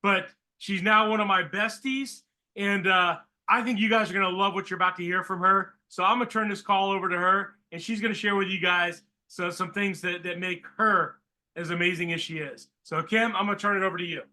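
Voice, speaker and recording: Bright, emphatic man coaching a team. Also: sits high, fairly even intonation, fairly quick. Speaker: team leader introducing a speaker. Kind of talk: motivational talk on a video call. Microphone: video call.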